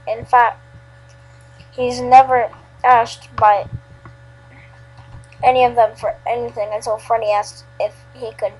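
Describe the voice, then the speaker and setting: A woman's voice: fairly high pitch, husky, poor audio. A woman reading a second-person fan fiction story aloud, often stumbling and restarting. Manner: unscripted-sounding, frequent restarts. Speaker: story reader.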